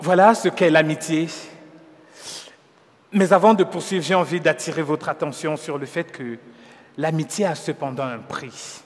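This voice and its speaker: A man preaching a sermon, earnest and gently persuasive, measured, often restarting his words. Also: a little high, steady tone, in a large hall. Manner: measured, with frequent restarts and stumbles. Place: church hall.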